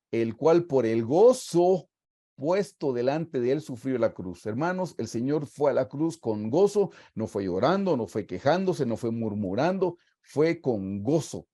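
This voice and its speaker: A man teaches scripture over a video call in an emphatic preaching style. His pitch swings widely as he drives home each point, and his voice stays mellow. He keeps asking his listeners questions and repeating himself for weight. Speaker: Bible study teacher.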